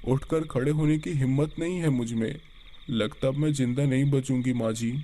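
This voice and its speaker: A man's voice: mid-range voice, normal speed, mellow, lightly acted. Young bride for a spoken horror tale, pleading, defensive, played by a male narrator. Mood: pained. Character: young newlywed village bride, frightened and proud.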